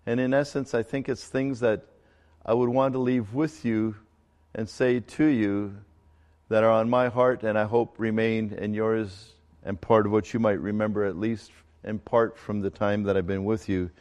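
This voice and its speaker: A middle-aged male pastor who grew up in Ecuador, preaching a sermon in a conversational, halting way with fillers and restarts. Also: fairly low pitch, steady tone, darkish tone. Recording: long hall reverb.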